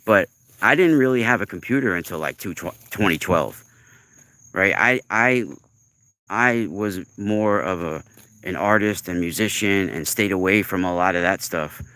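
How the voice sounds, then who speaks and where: This livestream host, a man in his forties, delivers a casual monologue that is earnest, emphatic and rambling. He has a low, sharp-toned voice at a normal pace, recorded without room sound.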